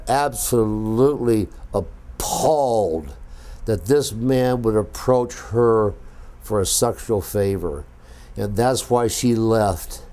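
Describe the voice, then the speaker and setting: A man recounting a story in an interview, halting with many fillers and repeated words. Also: lowish voice, warm tone.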